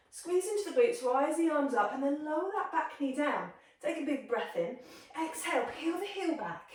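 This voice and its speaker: A woman's voice: sits high, darkish tone, far from the mic. A woman leading a yoga class, giving encouraging, chatty instructions while demonstrating the moves herself. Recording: very echoey room, voice from off-mic.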